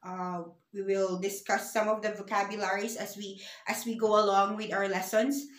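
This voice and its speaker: A woman's voice: mid-range voice, level tone, moderate pace. A woman teaching a beginner language lesson, patiently spelling out letters and sounds one at a time. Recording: echoey room.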